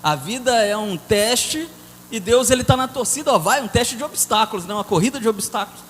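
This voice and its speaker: A man with a very high voice preaches in a church hall, swinging between loud bursts and quiet asides as he tells a story. His voice rings with long reverb. Faint hiss sits under the recording. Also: expressive, fairly quick. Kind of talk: sermon with a story.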